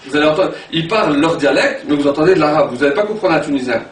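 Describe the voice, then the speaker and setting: A man teaching an Arabic pronunciation class, animated and repeating sounds aloud to demonstrate them. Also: a little high, rapid-fire. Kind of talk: classroom lesson. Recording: echoey room from far off, background noise.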